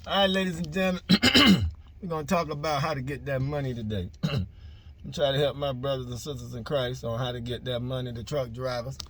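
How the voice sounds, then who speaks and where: A man's voice: medium pitch, moderate pace. A man who drives trucks and preaches, talking to his viewers in a rambling casual vlog from his truck, full of fillers and repeated greetings. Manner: rambling, repeats "ladies and gentlemen", many fillers. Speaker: minister.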